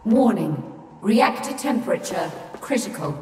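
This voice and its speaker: A woman voicing a stern automated facility alarm that makes clipped, flat warnings over a public-address system. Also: mid-range voice, measured pace. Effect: public-address system announcement. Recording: echoey hall, voice from far off, loud music over it.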